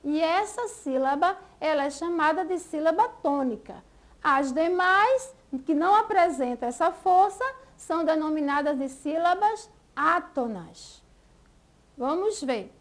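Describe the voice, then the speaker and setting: A woman's voice: sits high, expressive, a little slow. A Brazilian woman teaching a school lesson, patiently stretching out example words syllable by syllable. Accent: Brazilian Portuguese.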